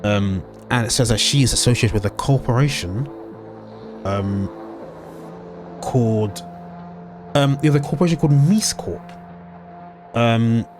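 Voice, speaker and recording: A man's voice: mid-range voice, a little slow, pauses often, music in the background. A man narrating as game master of a tabletop game, casual and hesitant, full of ums and self-corrections, with frequent swearing.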